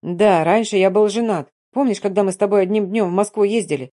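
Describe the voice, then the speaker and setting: A woman's voice: mid-range voice, quick pace, mellow, natural voice. A woman voicing a grown man who talks in a clipped, cold way in an audiobook. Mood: explaining.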